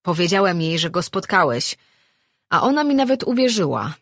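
A man's voice: high voice, sing-song, normal speed, fairly bright tone, no room sound, clean studio sound, voice pushed up, full character voice. A narrator voicing a sociable male tavern regular who talks eagerly in a storybook. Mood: jovial.

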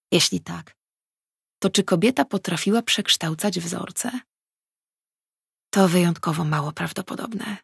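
A woman reading a novel aloud as an audiobook narrator, in calm, even storytelling. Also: on the low side, creaky, breathy edge, no room sound, clean studio sound. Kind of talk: scripted narration.

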